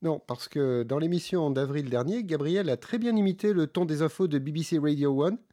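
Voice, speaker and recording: A man's voice: on the high side, normal speed, warm tone. A man co-hosting a radio show in casual banter. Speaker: radio co-host.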